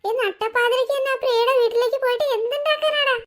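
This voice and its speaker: A woman's voice: very high-pitched, steady tone, fast talker. A woman voicing a timid young man in a cartoon who is scared of ghosts, nervous and whiny.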